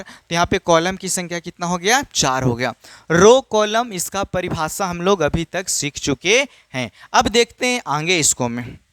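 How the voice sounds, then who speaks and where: Teaching maths in a dry recording, this man has a high voice that is clear, resonant and a touch bright. He habitually answers his own questions, repeats points, and casually refers to the class as children.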